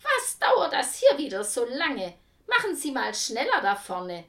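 A woman voicing a grumpy, scolding middle-aged woman in a storybook reading, shrill and indignant. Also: wildly swooping pitch, a little slow, fairly bright tone, heavily acted.

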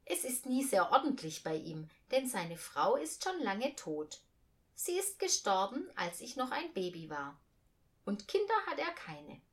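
Expressive female storybook reader with a lively voice. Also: a little high, a little slow. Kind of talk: reading a children's story aloud.

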